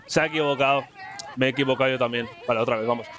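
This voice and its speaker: A man with a Spain Spanish accent giving excitable let's-play commentary, reacting loudly and laughing at the game. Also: mid-range voice, very fast, slight background noise. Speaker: gaming YouTuber.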